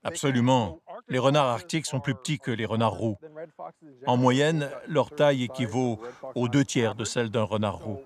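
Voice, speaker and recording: A man speaks as a wildlife researcher for a documentary, explaining things in a measured, articulate way. His voice is mid-range.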